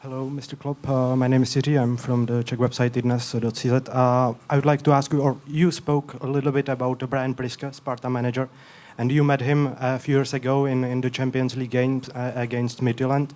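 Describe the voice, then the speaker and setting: A man's voice: mid-range voice, a little fast, hardly any pauses. A man, a journalist at a press conference, asking a question politely and carefully. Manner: polite, even, careful phrasing.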